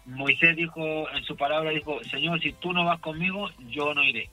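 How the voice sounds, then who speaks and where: Older male pastor from Chile, radio interview guest, fairly high bright voice, devout and rambling. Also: normal speed, soft background music, low-quality recording. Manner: rambling, self-correcting, devout.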